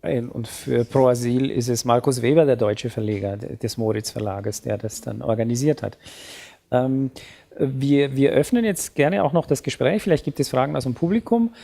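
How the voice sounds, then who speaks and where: A man moderating a book reading at a fair, speaking haltingly with many fillers. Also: medium pitch, creaky, dark tone. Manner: halting, many fillers, switches between German and French.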